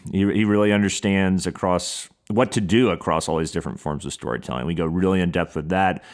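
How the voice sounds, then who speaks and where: Deep-voiced Southern man hosting. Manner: relaxed, chatty, frequent fillers. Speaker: podcast host. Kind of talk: casual interview.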